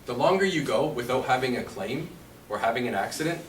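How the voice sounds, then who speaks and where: Fairly quick, with lively intonation and a mid-range voice, a chatty man presents an insurance seminar and quizzes his listeners. He's recorded in a seniors' residence meeting room, sounding distant and roomy, with faint hiss.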